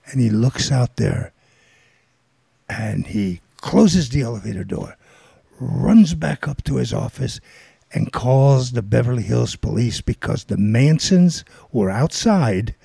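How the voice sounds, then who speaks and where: An older man spins a loose, rambling story in a gravelly, husky voice. His tone is dark and mellow, and the recording is dry and close, with no room sound. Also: medium pitch, expressive, takes it slowly, dry recording. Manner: rambling, filler-heavy storytelling. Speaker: guest storyteller. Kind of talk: casual anecdote.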